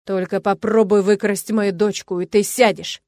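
A woman voicing a cruel, contemptuous middle-aged father who shouts and sneers insults. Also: a little high, quick pace, no echo, lightly acted. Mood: cold threatening.

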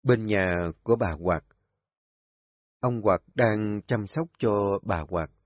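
A man narrating a family drama in an expressive, melodramatic storytelling manner. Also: on the low side, takes it slowly, dry recording. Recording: dull lo-fi recording.

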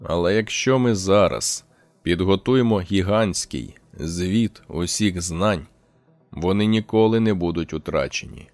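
Deep-voiced man reading an audiobook. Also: measured pace, darkish tone, no echo, soft background music. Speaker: audiobook narrator. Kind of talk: scripted narration.

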